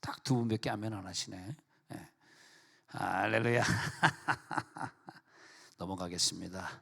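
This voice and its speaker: Middle-aged pastor preaching in a reverberant church. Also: male voice, fairly low pitch, slow pace, vocal fry, husky. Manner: animated preaching with acted-out quotes and asides to the congregation. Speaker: senior pastor. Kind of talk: sermon. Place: church sanctuary. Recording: long reverb of a church hall.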